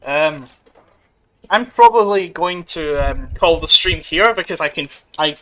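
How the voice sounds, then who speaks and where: A man with a slightly high, animated voice hosts his own game stream from a shared room at a home gaming get-together. He talks at a measured pace with a sharp tone, chatting casually with wry, morbid humor and lots of fillers. The audio quality is poor.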